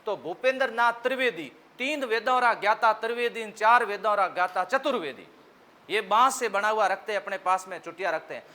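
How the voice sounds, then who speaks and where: A man's voice: high-pitched, brisk, sharp tone. A man with a Rajasthani accent teaching an exam-prep lesson with memory tricks, jokey, asking the class questions and answering them himself. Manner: mimics regional speech for laughs.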